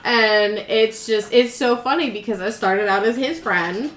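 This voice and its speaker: A giggly woman co-hosting a podcast, rambling through her thoughts with lots of restarts. Her voice sits a little high. The room has a roomy echo and a faint hiss behind her. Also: measured pace, fairly bright tone. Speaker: podcast co-host. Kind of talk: casual chat. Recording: echoey room with faint background noise.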